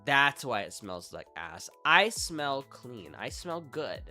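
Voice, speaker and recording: Woman, streamer, casual chat, joking, crude, lively pitch, bright tone. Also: takes it slowly, soft background music. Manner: animated, joking and crude, laughs often, reads chat aloud.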